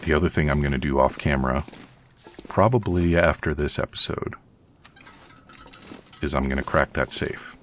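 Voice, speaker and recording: A man's voice: very deep voice, steady tone, moderate pace, long pauses, fairly bright tone, slight background noise. A man casually narrating his survival game playthrough, chatty and rambling with a self-deprecating streak. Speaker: let's play host.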